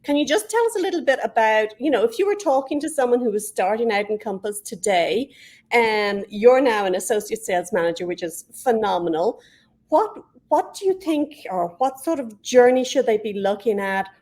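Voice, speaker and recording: An enthusiastic woman hosts the conversation, her voice sitting fairly high. She laughs easily and asks her questions over a video call. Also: animated, normal speed, a little mellow. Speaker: host.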